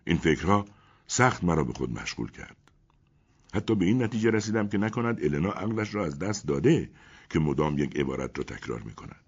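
A man narrating a story in an expressive, dramatic reading. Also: sits low, breathy edge, highs cut off. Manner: expressive, rising and falling storytelling. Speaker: audiobook narrator.

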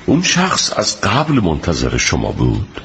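An actor playing a shrewd male detective who questions a witness in a calm, measured, courteous way, in a radio drama dub. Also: sits low, a little hiss or hum, heavily acted. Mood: probing, courteous.

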